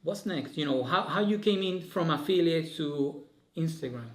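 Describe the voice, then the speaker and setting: A man hosting a casual interview, upbeat in his intro and halting when asking questions. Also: a little high, lively intonation. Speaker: podcast host. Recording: echoey room.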